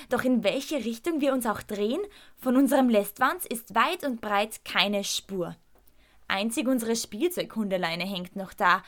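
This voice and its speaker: A woman reading a first-person story aloud with lively, expressive storytelling. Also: fairly high pitch. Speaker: narrator.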